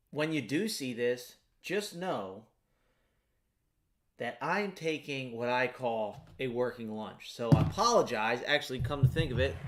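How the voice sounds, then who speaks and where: A man streaming a game, talking in a rambling, casual way and interrupting himself while eating lunch, without his usual mic. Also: medium pitch. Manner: rambling, self-interrupting, chatty. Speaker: gaming streamer. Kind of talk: casual live-stream chat while playing. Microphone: not using his usual mic.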